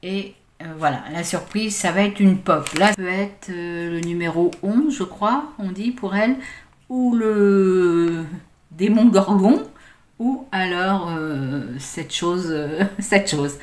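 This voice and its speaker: Woman doing a grocery haul vlog, talks slow, lots of ums, reads off prices one by one. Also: medium pitch, darkish tone. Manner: slow, hesitant, many fillers, reads out prices. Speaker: vlogger showing her grocery haul.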